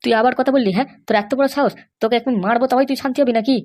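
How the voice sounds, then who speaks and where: Brief: a woman playing an angry cartoon husband, rapid-fire threats, mid-pitched. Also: steady tone, lightly acted. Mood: resentful. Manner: angry, threatening, shouting insults. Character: hot-tempered threatening young husband, Kittu. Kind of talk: cartoon voice acting.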